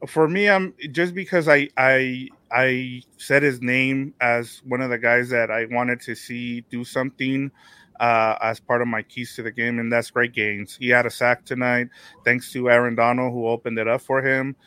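A man's voice: mid-range voice, fairly even intonation, moderate pace, pushed and bright, clean tone, no echo. A young man, a podcast producer and co-host, chatting easily on a post-game sports show and steering the talk along.

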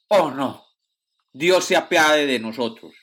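Man voicing an angry old count, scolding father, high-pitched, sharp, storybook reading. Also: lively intonation, slow. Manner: exasperated, scolding. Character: old count, stern and quick-tempered father.

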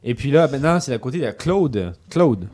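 A man's voice: mid-range voice, very animated, moderate pace, warm tone. A man hosting a casual podcast, steering the talk with questions. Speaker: podcast host. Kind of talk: casual chat.

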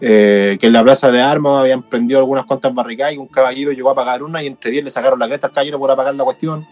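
A man's voice: mid-range voice, rapid-fire, soft background music. A young Chilean man with a Chilean accent, telling a story in casual chat, laughing often. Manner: laughing, animated anecdote with acted-out quotes.

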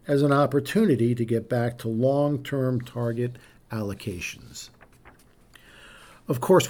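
Mellow man reading a formal script. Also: mid-range voice. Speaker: financial podcast host. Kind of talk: scripted narration.

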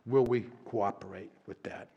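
A man's voice: on the low side, moderate pace, gravelly, muffled recording, a little hiss or hum. Conversational pastor man preaching a sermon. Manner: conversational, repeats words when starting lines; tag questions, shifts from lively to hushed prayer.

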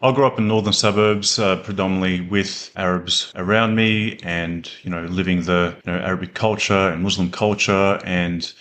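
A man with an Australian accent chats on a podcast in a low voice. He tells his stories in a relaxed, plain-spoken way and leans on easy fillers. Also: normal speed, hardly any pauses. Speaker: podcast co-host. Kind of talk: casual conversational podcast.

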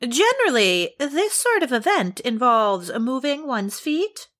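A woman's voice: high voice, very animated, fairly bright tone, exaggerated voice. A woman playing a vain, imperious, sly sorceress mentor in an audio drama, speaking formally and theatrically. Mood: impatient, haughty. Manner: grandiose, formal, drawn-out delivery. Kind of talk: scripted audio drama acting.

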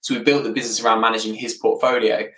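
A man's voice: fairly low pitch, little pitch movement, racing, fairly bright tone. A man in his thirties telling his story casually as an interview guest, often hesitating and repeating words as he goes. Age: 30s. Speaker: podcast guest, property business owner. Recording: roomy, echoing, distant from the mic.

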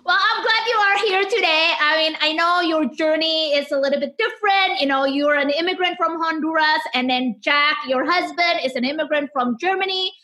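High-voiced woman podcast host. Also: moderate pace, hardly any pauses, sharp tone, no echo, studio quality. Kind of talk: scripted podcast intro and interview questions.

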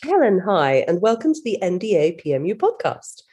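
Mellow-voiced woman interviewer. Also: medium pitch, big pitch swings, a little fast, husky, soft background music. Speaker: podcast interviewer. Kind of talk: podcast interview.

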